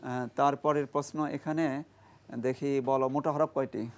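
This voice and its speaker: On a TV studio show, a man with a Bangladeshi Bengali accent teaches a class to read the Quran, quizzing pupils, praising correct answers and drilling syllables for them to repeat. His voice is mid-range, with a level tone and normal speed.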